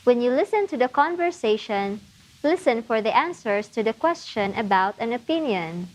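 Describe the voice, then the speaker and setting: A woman narrating a test preparation lesson, explaining answers clearly and encouragingly. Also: a little high, animated, normal speed, rough recording. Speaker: test prep instructor. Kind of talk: scripted teaching narration.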